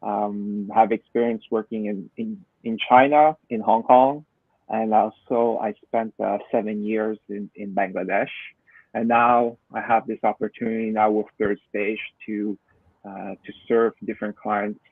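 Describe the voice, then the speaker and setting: A man, an ERP consultant introducing himself on a panel over a video call in a steady, conversational way. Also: on the low side, a little slow, vocal fry, breathy edge, no room sound. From Canada. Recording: tinny dry phone-like call audio.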